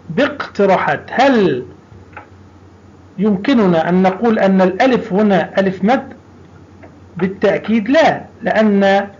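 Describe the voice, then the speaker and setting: High-voiced male teacher explaining patiently. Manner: patient, stretches out sounds and repeats words for children. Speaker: primary school Arabic teacher. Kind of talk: recorded classroom lesson. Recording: dull lo-fi recording.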